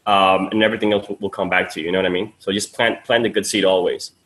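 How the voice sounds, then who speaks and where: A man from Peru, somewhere in his thirties, with a fairly low voice. He talks freely and casually as a podcast guest. He drops in "man" and "dude" and restarts his sentences often. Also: fairly even intonation, fast talker, a bit bright, poor audio. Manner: talkative, loose and friendly, says "man" and "dude", many fillers and restarts. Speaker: guest, sales funnel coach.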